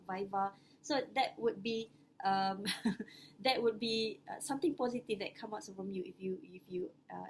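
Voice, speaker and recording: A woman's voice: mid-range voice, low-quality recording. Malaysian english lady doing a webinar talk, lots of ums and restarts, faint noise behind. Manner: hesitant, many fillers and restarts. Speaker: webinar speaker. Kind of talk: webinar talk to postgraduate students. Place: home or office, online webinar. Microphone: computer microphone on a video call.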